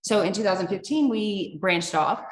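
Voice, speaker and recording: A woman's voice: medium pitch, expressive, moderate pace. Chatty woman guest in a roomy space. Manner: chatty with frequent "um" fillers. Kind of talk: casual interview answer.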